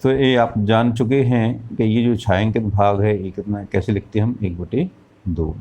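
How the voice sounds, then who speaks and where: A man's voice: on the low side, steady tone, normal speed, mellow. A man teaching a math lesson, explaining step by step, asking questions and answering them himself, and counting out parts aloud.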